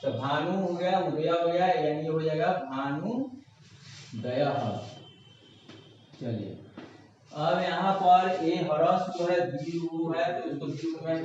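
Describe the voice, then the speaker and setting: Male teacher, whiteboard lesson, slow repetitive explaining, very roomy echo, faint hum behind. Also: a little high, darkish tone. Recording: echoey room, distant mic, dull lo-fi sound.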